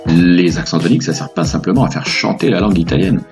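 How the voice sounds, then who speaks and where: A man with a deep, darkish voice speaks fast over soft background music while hosting a language lesson. He explains grammar to viewers in an upbeat, patient manner, tossing in playful asides.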